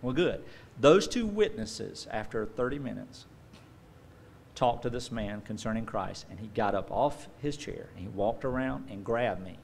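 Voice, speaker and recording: His voice sits lowish, creaky and slightly breathy, and he takes his time. The man, a pastor in his forties, preaches into a stand mic at a lectern on a dark-curtained church stage, animating his stories by acting out quoted voices.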